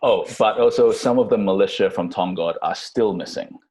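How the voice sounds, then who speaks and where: A man hosting a tabletop game as dungeon master over a video call, relaxed and joking. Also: low-pitched, moderate pace. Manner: relaxed, joking, hesitant fillers.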